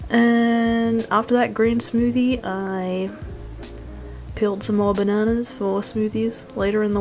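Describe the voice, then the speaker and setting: A woman's voice: on the high side, darkish tone. A young woman doing a casual vlog voice-over in a rambling, wry, self-deprecating way with slangy phrasing. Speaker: food vlogger. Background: music.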